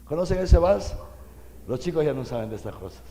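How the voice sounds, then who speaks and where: Older male preacher from Peru, lively folksy catechesis, high and gravelly, in a reverberant hall. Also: brisk, a little hiss or hum. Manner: animated, folksy preaching with many rhetorical asides to listeners. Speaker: bishop giving catechesis. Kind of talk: sermon.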